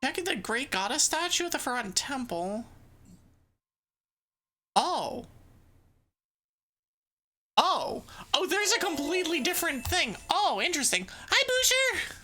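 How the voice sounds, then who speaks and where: A woman's voice: sits high, sing-song, a little slow, long pauses, pushed and bright. A woman chatting casually on a live game stream in a cute, bubbly anime-streamer way, playful and thinking aloud.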